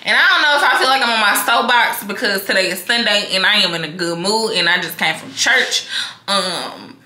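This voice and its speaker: Vlogger, young woman, Mississippi accent; very bright, sharp tone; big confident personality; echoey room. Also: medium pitch, fairly quick. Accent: Mississippi Southern. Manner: big, animated and confident, talks straight to viewers. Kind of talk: casual talk to camera.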